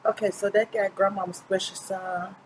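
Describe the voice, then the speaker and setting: Seated near the camera in a small indoor room, a middle-aged woman informally reads aloud from a children's picture book in a level, medium-pitched voice at a moderate pace. She stumbles occasionally and corrects herself, and the rough recording has a little hiss or hum.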